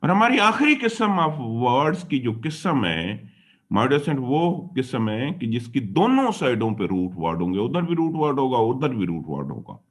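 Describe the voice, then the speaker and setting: A man lecturing on English grammar in a classroom speaks with medium pitch, big pitch swings, and a moderate pace. He explains patiently, repeats his points to students, and mixes Hindi and English mid-sentence.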